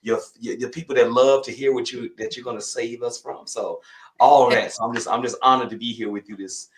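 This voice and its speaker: A man's voice: medium pitch, steady tone, brisk, reverberant, a little hiss or hum, rough recording. A man in his fifties from Louisiana with a Southern accent, a physician talking as a guest in a casual interview, folksy and rambling, often repeating himself. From Louisiana, USA. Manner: folksy, rambling, with frequent repetitions.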